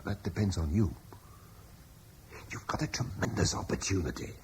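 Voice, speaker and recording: A low-pitched, animated male voice at normal speed portrays an earnest, articulate Romano-British landowner in a classic radio drama, persuasively defending what Rome left behind. The background is noisy.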